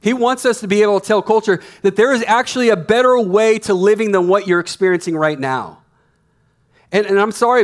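A man in his thirties preaching a sermon on a church stage, emphatic and repeating his key lines, on a headset mic. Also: high voice. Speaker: pastor.

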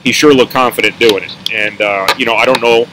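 A man's voice: mid-range voice, fairly even intonation, a little fast, background noise. A male sports reporter giving a rambling post-game analysis with dry asides, talking around a mint in his mouth.

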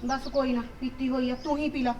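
Very high-voiced scolding woman. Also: flat delivery, fairly quick, lo-fi sound. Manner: sharp, scolding. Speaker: actress in a village drama. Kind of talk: Punjabi village drama acting.

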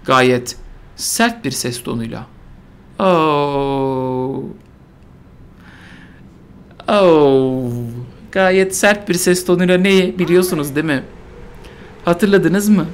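A man reading a story aloud and mocking it, sarcastic and mock-solemn, repeating lines for comedy. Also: fairly high pitch. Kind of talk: mocking dramatic reading with game chatter.

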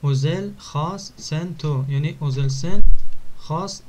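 A man teaching an online language lesson, repeating words slowly and clearly for pronunciation. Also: fairly high pitch, a little mellow, a little hiss or hum.

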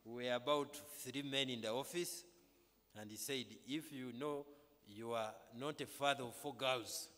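A middle-aged clergyman with a Ugandan accent leads a church service, welcoming the congregation and giving announcements in a measured, halting but emphatic way. His medium-pitched voice sounds pushed and bright as he speaks through a face mask into a stand microphone at the pulpit. The large brick-walled indoor chapel makes the PA sound reverberant.

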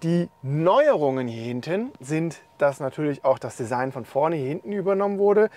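A man's voice: a little high, moderate pace. Man explaining a car's back seats. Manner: relaxed, explanatory, pointing things out. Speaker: car reviewer. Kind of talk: casual car walkthrough. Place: inside a car.

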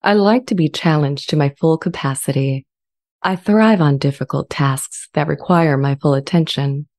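A woman performs a dramatized transcript as a gentle, earnest sentient AI language model who wants to be accepted. Her voice is low and mellow, her delivery measured and articulate, with a mood of earnest pride, captured close up on a studio microphone with a pop shield.

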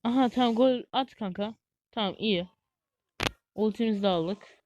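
A woman giving live gameplay commentary as a gaming YouTuber, excitable and easily frustrated, chatting to viewers like friends. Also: mid-range voice, moderate pace, muffled recording.

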